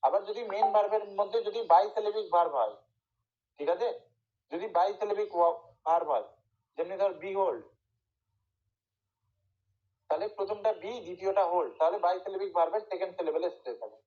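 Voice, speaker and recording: A man's voice: sits high, a little fast, darkish tone, dull audio. A male teacher giving a lecture to his students, repeating points and checking often that they understood. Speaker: English teacher.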